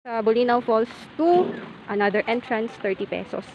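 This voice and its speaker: Her voice fairly high and expressive, a woman vlogs her walk past waterfalls, chatty, exclaiming and frequently laughing. The audio is dull, with a crowd and loud rushing waterfall noise behind her.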